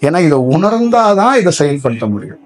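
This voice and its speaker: A man's voice: high-pitched, big pitch swings, brisk. Spiritual teacher, male, slightly raised voice, loose rambling delivery, faint music underneath. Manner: rambling, asks many rhetorical questions. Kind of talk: spiritual discourse to listeners.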